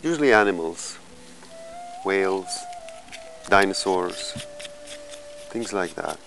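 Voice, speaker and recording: A man in his fifties with a low voice, recalling his past slowly and thoughtfully. He pauses often and restarts phrases as he searches for words, while soft music plays faintly underneath. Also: lively intonation, vocal fry, low-quality recording. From California, USA. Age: 50s. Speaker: musician telling his life story. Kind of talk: reflective documentary interview.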